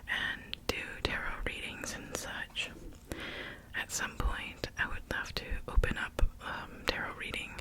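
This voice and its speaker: An ASMR creator chatting in a soft, breathy whisper, with gentle pauses between phrases. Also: rough recording.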